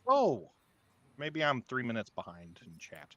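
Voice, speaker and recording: Player, lively and self-mocking, bright voice. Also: male voice, mid-range voice, highs cut off. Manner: quick, self-deprecating. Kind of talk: casual game chat.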